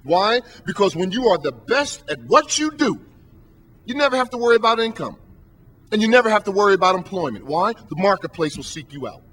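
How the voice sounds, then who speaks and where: Emphatic high-voiced male motivational speaker. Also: very animated, a little fast, fairly bright tone. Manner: emphatic, rhetorical questions, preacher-like. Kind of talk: motivational speech. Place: stage at a podium.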